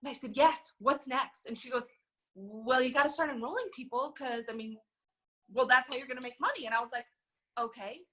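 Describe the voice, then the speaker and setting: A woman in her thirties tells her story as a podcast guest. Her voice is bright and ringing and sits a little high. She is animated and acts out the people she quotes. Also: a little fast. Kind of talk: conversational storytelling.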